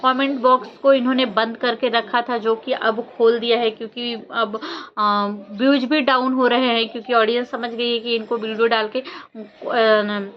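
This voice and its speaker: A woman's voice: on the high side, flat delivery, normal speed. A woman vlogger giving chatty gossip commentary, asking many rhetorical questions and using fillers. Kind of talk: casual gossip commentary to camera. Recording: dull lo-fi sound with faint background noise.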